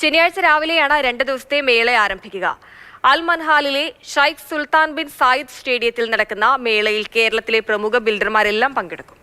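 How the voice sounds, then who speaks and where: A woman anchoring a news bulletin with a crisp, formal scripted delivery. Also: a little high, moderate pace, pushed and bright.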